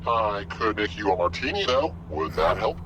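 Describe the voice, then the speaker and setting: A man's voice: fairly low pitch, big pitch swings, normal speed, noisy background. A man playing an apologetic, hapless barman in a sci-fi video game, meek and hesitant. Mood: sheepish.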